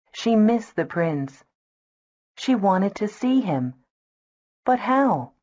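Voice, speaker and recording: A woman narrating a children's storybook in a slow, gentle, clear reading. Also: lowish voice. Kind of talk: scripted storybook narration for kids. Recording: dull lo-fi with soft music.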